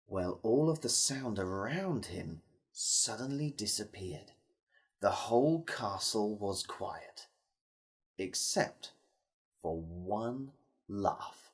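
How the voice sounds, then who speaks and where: A storyteller performs a tale for children in theatrical style, using dramatic pauses and asking the listeners questions. The voice sits low and is expressive, with a breathy edge.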